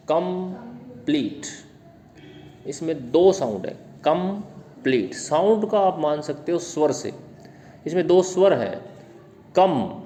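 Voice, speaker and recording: A male teacher with an Indian accent gives a classroom lecture on literature. He reads English definitions at an unhurried crawl and then explains in his own words, often quizzing his students. His voice sits fairly high for a man. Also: darkish tone.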